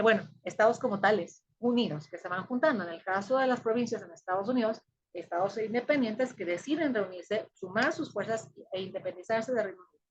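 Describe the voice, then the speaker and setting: A woman with a Mexican accent and a husky, mid-range voice teaches a recorded lesson. She explains step by step, using many fillers and checking in with the listener often. The recording sounds dull and lo-fi.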